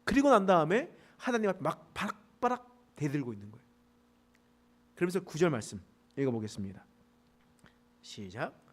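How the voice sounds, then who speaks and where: A man preaching a midweek sermon as pastor, telling the story animatedly and reading verses more quietly and formally. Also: fairly high pitch, sing-song, normal speed, long pauses, breathy edge.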